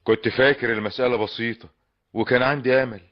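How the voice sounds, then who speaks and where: An actor playing an earnest, pleading young suitor in an old radio comedy drama, with an Egyptian Arabic accent. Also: male voice, medium pitch, fairly even intonation, fast talker. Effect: old lo-fi radio drama recording. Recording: dull lo-fi old radio recording.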